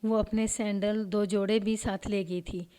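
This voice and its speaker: Steady woman storyteller reading a crime story aloud in a measured, even cadence. She keeps a mid-pitched voice and an unhurried pace throughout. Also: smooth. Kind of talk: scripted story narration.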